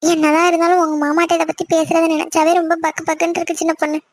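A woman voices a nervous mother in an animated series. Her voice is very high and fast, with a flat, level delivery that keeps pleading. The sound is close and dry. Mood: apologetic. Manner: pleading and apologetic. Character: worried middle-aged village mother, timid of her husband. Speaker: cartoon voice. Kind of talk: Tamil cartoon voice acting.

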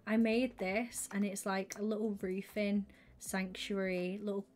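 A young woman chatting casually on her live stream, bubbly and quick to laugh. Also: mid-range voice. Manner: bubbly, laughs often, squeals when excited.

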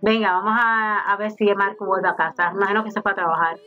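A woman's voice: medium pitch, steady tone, fast talker. Chatty woman narrating her life-sim game. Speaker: gaming YouTuber. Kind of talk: casual let's-play commentary. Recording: slightly dull home recording with faint game music. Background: faint game music.

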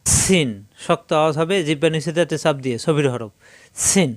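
Man slowly drilling Arabic letter sounds. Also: on the high side, dry recording. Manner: slow, repetitive drilling of syllables with explanations. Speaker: Quran reading teacher. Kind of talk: step-by-step recitation lesson.

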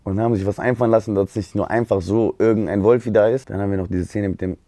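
A man from Germany, telling stories on a livestream in an animated, slang-heavy way. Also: fairly low pitch, quick pace, no room sound. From Speyer area, southwest Germany. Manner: animated, street slang, frequent "Bruder" and "gell". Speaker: streamer and rapper. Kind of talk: casual livestream storytelling.

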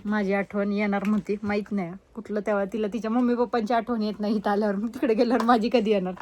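A woman's voice: mid-range voice, fairly even intonation, fast, a little mellow, slight background noise. A young woman, chatting casually in a family vlog and teasing the kids. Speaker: vlogger.

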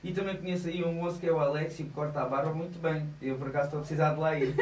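A man's voice: a little high, expressive, a little fast, roomy sound, far from the mic, low-quality recording. A man in his thirties with a European Portuguese accent, a singer chatting as a guest in a small radio studio, laughing often and hesitating. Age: 30s. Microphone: studio mic, headphones on.

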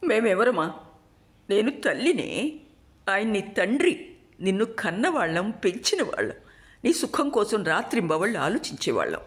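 A woman's voice: medium pitch, very animated, moderate pace, pitched above the performer's own voice, natural voice. A woman storyteller voicing a furious middle-aged mother who screams and weeps at her daughter. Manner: screaming, tearful.

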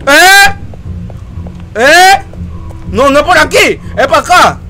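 A man giving let's-play commentary, excitable, yelling and taunting the game monster. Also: very high voice, slow, soft background music. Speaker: gamer host.

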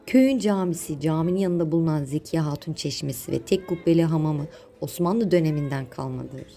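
A woman's voice: low-pitched, a little fast, mellow, soft background music. A woman narrating a scripted travel vlog, informative and addressing viewers directly as friends.

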